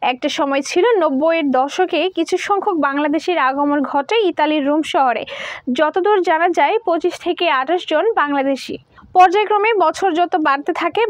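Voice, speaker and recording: Female newsreader, young, extremely high voice, formal scripted delivery, close and dry. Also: dry recording. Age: young adult. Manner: formal, measured reading. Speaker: news presenter. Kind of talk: scripted news narration.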